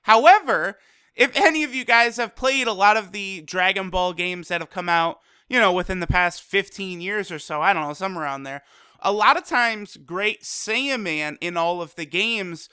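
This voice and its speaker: A man's voice: high voice, moderate pace, sharp tone, clear, resonant tone, no room sound, studio quality. A young man casually reviewing an anime episode, talking loosely and profanely with lots of "you know" and "like.".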